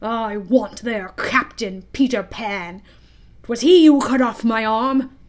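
A woman voicing a vain, brooding, menacing pirate captain from a storybook, with dark, theatrical, emphatic delivery. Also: a little high, unhurried. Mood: furious, vengeful.

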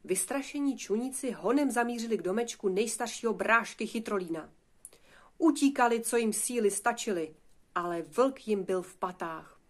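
Woman reading a fairy tale aloud. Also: a little high. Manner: lively, expressive narration. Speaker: storyteller. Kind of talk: storybook reading.

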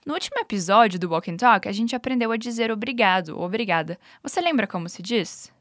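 A woman with a Brazilian Portuguese accent, an upbeat, encouraging English teacher running clear repetition drills. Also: medium pitch, lively intonation, fast, a bit bright, dry recording, clean studio sound. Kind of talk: language lesson with repetition drills.

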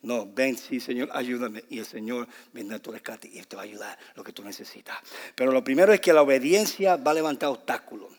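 A man from Rico, preaching a fervent sermon that swings between soft asides and loud bursts, with English fillers mixed in. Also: medium pitch, fast. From Puerto Rico. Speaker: pastor. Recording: long hall reverb.

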